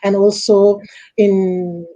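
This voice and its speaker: A woman's voice: mid-range voice, level tone, very slow, mellow, poor audio. A woman interviewed on a podcast as a foundation director, speaking earnestly with hesitant fillers.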